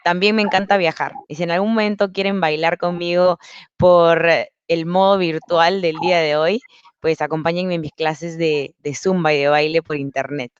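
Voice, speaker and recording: A woman's voice: fairly low pitch, fairly even intonation, normal speed, smooth, dry recording, muffled recording. A woman from Peru, a marketing consultant giving an upbeat online masterclass, explaining step by step over a video call. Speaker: guest speaker, marketing consultant.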